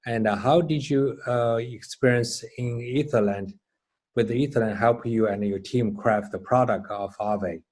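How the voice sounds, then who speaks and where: A man's voice: mid-range voice, a little slow, darkish tone. A male host puts questions to his guest over a video call. He speaks politely and hesitantly, with frequent fillers as he frames each question. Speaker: host, interviewer. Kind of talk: interview questions.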